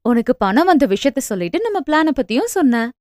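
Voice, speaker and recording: A woman voicing a bold young village woman in a storybook romance, coaxing and quick as she lays out her plans. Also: high-pitched, dry recording, clean studio sound. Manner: lively, coaxing, quick when explaining plans.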